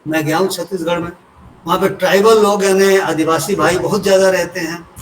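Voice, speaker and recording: A man's voice: high voice, steady tone, slight background noise. Older man lecturing in a roomy echo. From Uttar Pradesh, India. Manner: unhurried, explains with homely examples and asides. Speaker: retired civil servant lecturing. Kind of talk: explanatory lecture talk. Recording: roomy echo from a distant mic.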